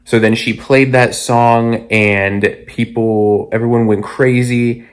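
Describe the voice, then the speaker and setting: A man's voice: medium pitch, level tone, slow pace, a loud crowd, heavy background noise. A man casually narrating his concert vlog in voice-over, chatty and loose with fillers. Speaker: vlogger.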